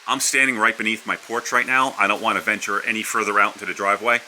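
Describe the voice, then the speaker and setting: A man's voice: fairly low pitch, steady tone, fast, sharp tone, poor audio. A man narrating a casual vlog outdoors from under a house porch during a storm. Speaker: vlogger. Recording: wind, rain and hiss behind voice.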